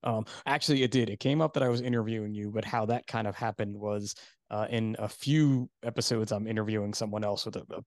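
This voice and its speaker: A man's voice: on the low side, steady tone, quick pace, no room sound, clean studio sound. A man hosting a podcast, chatting casually and rambling with self-deprecating asides and frequent laughs. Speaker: podcast host. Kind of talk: casual interview chat.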